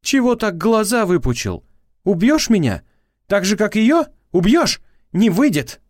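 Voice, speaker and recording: A man's voice: on the high side, unhurried, a little mellow, no room sound, studio quality, voice pushed up. A man voicing a furious, hysterical young woman who shrieks accusations and verges on tears.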